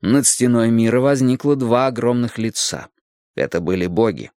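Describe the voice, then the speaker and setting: A man narrating an audiobook with expressive, animated storytelling. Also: medium pitch, normal speed, no echo, studio quality.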